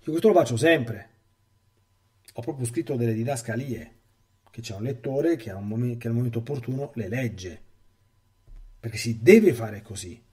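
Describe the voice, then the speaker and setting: A man's voice: mid-range voice, moderate pace, long pauses, a little mellow, recorded from a distance. A man who is a priest, reading a testimony aloud and commenting on it in an emphatic catechesis sermon, often stammering and repeating words when he speaks freely.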